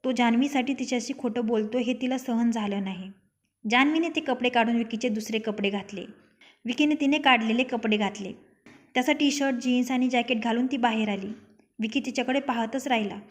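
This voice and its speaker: A woman's voice: a little high, fairly quick. A young woman narrating her own written love story, reading every character's lines herself.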